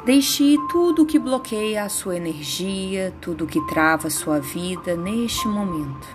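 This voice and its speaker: A woman guiding a meditation with affirmations in a soothing, unhurried way, leaving pauses between phrases. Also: medium pitch, lively intonation. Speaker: meditation guide. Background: soft background music.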